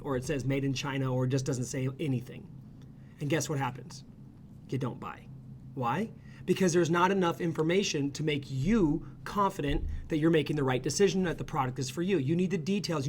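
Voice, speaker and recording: This man's fairly high voice carries a screen-share walkthrough where he plays the ecommerce consultant, upbeat and talkative. Each point ends with a check-in like "okay?" or "right?", and a little hiss or hum sits under the audio.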